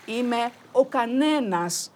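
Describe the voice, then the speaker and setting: Elephant maiden in human form, young woman, gentle and plaintive, as the narrator voices her. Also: a little high, lively intonation, pitched above the performer's own voice.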